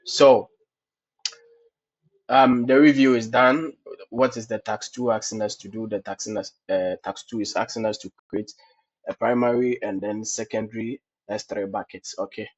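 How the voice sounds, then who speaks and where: A man with a cold hosts a screen-recorded cloud lab tutorial, walking through each step with frequent "okay, so" fillers. His voice is lowish and breathy, with fairly even intonation and a measured pace. The screencast audio is dull and lo-fi.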